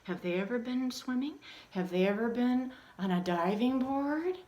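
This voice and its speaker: Speaking at a normal speed in a slightly high voice, this woman is a teacher trainer explaining how to read aloud to children. It's casual and instructional, with many ums and false starts, and she plays out questions to kids in a hushed, lively tone.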